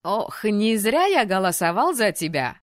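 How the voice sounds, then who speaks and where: A woman's voice: medium pitch, sing-song, a little slow, no echo, clean studio sound. A woman voicing a cheerful, teasing young male student friend in an audiobook. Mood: playful. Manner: playful, teasing.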